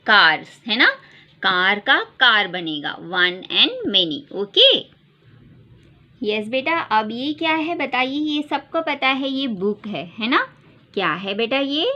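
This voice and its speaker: A woman's voice: on the high side, expressive, slow. A woman teaching English to young children, spelling words letter by letter in a sing-song way and repeating questions. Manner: repeats questions and calls the listener "beta". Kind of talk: classroom lesson for young children. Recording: dull lo-fi sound.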